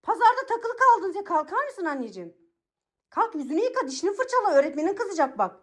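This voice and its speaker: A woman's voice: very high-pitched, big pitch swings, fast. A woman in her thirties playing a mother who scolds and coaxes her children to get up, sounding exasperated in a bedroom at home. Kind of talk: scripted family skit.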